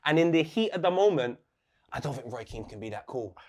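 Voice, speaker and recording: A man as a guest in a casual interview, animated and joking as he riffs on ideas. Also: fairly high pitch, a little fast. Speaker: podcast guest.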